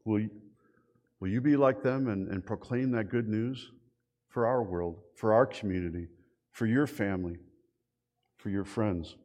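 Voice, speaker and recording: Animated middle-aged pastor preaching. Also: male voice, on the low side, unhurried, pauses often. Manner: animated storytelling with rhetorical questions. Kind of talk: sermon.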